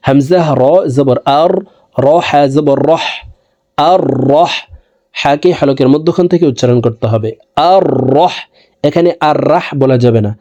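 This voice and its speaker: Man, Bangladeshi Bengali accent, Quran teacher, patient syllable-by-syllable spelling, mellow tone, slightly raised pitch. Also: unhurried. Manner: patient, repeats each syllable for learners to copy. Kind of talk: spelling-out Quran lesson, slow drawn-out recitation.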